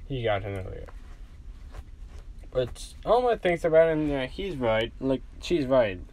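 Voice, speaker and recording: A man's voice: medium pitch, sing-song, measured pace, darkish tone. A young man with a sore throat, telling a fan story in a rambling, casual way full of "like", recorded on a home mic. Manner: rambling, filler-heavy with frequent "like".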